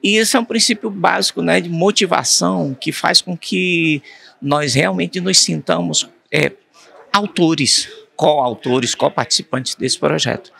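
A man's voice: a little high, measured pace, creaky, bright, forceful tone, breathy edge. A man in his fifties with a Brazilian Portuguese accent, a staff member speaking emphatically in a press interview. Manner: emphatic, enthusiastic. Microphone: handheld reporter mic.

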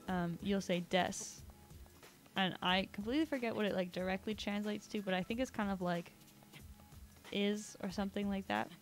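A woman from Canada chatting casually while streaming a video game, rambling and laughing often. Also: mid-range voice. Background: video game music.

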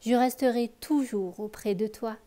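A woman voicing a gentle, loyal blue dog. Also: a little high, moderate pace, lightly acted. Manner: calm, gentle and protective.

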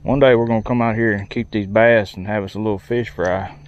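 A man's voice: on the low side, steady tone, fairly quick, highs cut off. A man chatting casually to viewers while bank fishing at a pond, folksy and talkative. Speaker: fishing vlogger. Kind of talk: casual outdoor commentary.

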